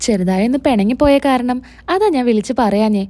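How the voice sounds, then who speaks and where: A woman's voice: on the high side, fairly quick, dark tone, close to an everyday voice. A woman narrator voicing an earnest, devoted young wife who pleads and explains.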